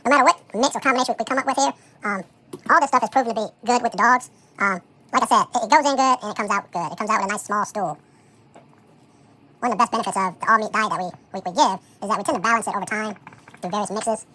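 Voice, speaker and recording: A home cook talking through a how-to while preparing food, relaxed and thinking aloud with frequent fillers, played back as a sped-up chipmunk voice. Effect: sped-up chipmunk voice, high and fast. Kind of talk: casual how-to commentary while working.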